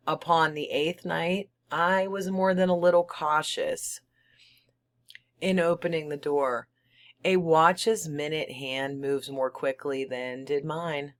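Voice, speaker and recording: Gothic horror monologue: mad, gleeful murderer, slow-paced, emphatic and theatrical, insistently claiming sanity. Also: medium pitch, a bit bright. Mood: gloating, secretive. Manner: halting, theatrical, emphatic, breaking into whispers and chuckles. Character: unhinged murderer, insisting he is sane, gleefully confiding. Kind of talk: dramatic reading of a gothic horror story.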